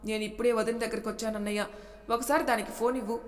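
A woman reading a serialized story aloud, voicing every character in her own voice and raising it for shouted lines. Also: a little high, steady tone, fast talker, long reverb tail. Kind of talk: scripted story narration with dialogue.

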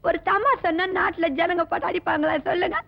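A shrill naive young maid. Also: female voice, steady tone, quick pace, creaky. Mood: complaining. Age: young adult. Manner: giggly, then wailing and complaining. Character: naive giggly young housemaid, woman. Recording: dull lo-fi film soundtrack.

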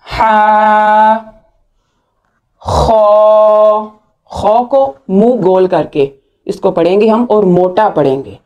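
एक महिला शिक्षिका धैर्य से, अक्षरों को खींचकर बोलते हुए, एक-एक कदम पाठ पढ़ाती है, उर्दू लहजे में।. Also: female voice, medium pitch, animated, lo-fi sound. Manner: patient, drawn-out letter sounds. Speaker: Quran recitation teacher. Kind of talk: slow step-by-step lesson.

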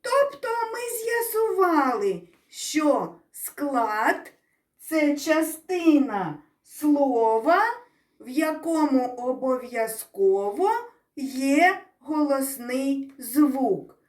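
Woman, kindergarten teacher, very slow, high lively voice, echoey room, distant mic. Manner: drawn-out, sing-song explaining, asking the children questions. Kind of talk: slow, clear teaching to young children.

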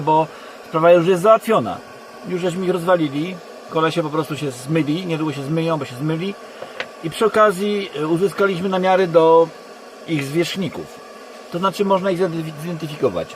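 A Polish man giving a rambling monologue to camera from inside a car, speaking haltingly and often correcting himself. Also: a little high, rough recording. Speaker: online video creator. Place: inside a parked car in a forest. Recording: constant background noise in a car. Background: steady background hum.

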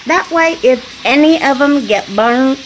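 This middle-aged woman, a homestead vlogger, shoots on her phone in her small home kitchen and chats in a relaxed, folksy manner, quick to laugh. Her voice sits high and her pace is measured. Beyond the frying and sizzling food, there's slight background noise.

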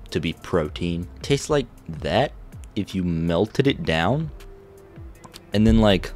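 Deep-voiced man doing joking taste tests. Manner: joking, exaggerated disgusted reactions. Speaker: vlogger reviewing snacks. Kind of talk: casual taste-test chat.

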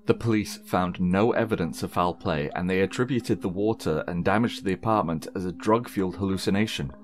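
A man reading a scripted horror story aloud in a measured, solemn way. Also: low voice. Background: faint background music.

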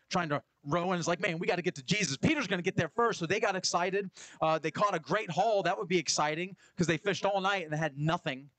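A man preaching a sermon, lively and animated, acting out Bible scenes with playful voices. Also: fairly high pitch, no room sound. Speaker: pastor.

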